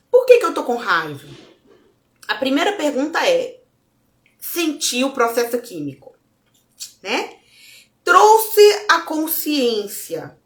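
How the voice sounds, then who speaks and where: A woman's voice: high-pitched, echoey room. A Brazilian woman giving a casual motivational talk, speaking expressively and acting out her inner dialogue. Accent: Brazilian Portuguese. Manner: expressive, acts out inner dialogue, addresses viewers as gente. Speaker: self-development speaker.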